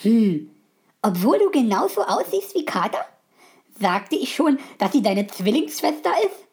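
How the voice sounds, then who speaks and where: A woman voicing a gentle, forgetful female talking spider who chats softly and eagerly in an audio story. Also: fairly high pitch, very animated, unhurried, slightly rough, exaggerated voice. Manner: soft, warm-hearted, chatty.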